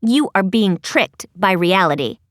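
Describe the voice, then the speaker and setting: A woman voicing an imperious royal teenage girl who barks orders in a lowered, commanding voice for a storybook. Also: lively intonation, measured pace, no echo, studio quality, lightly acted. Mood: bossy.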